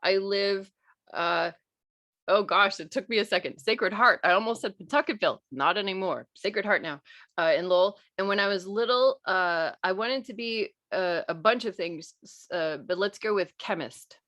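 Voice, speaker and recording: A woman with a bright, forward voice chats casually in an online meeting. The sound is dry, with no room echo. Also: medium pitch, moderate pace. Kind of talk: casual chat.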